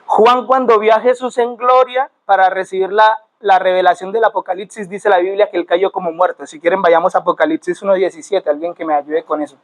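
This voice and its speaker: A man's voice: sits high, steady tone, fairly quick, few pauses, rough recording. A male pastor, preaching to a church and explaining words step by step with repeated phrases and questions to the congregation. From Colombia. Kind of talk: sermon teaching. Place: church sanctuary.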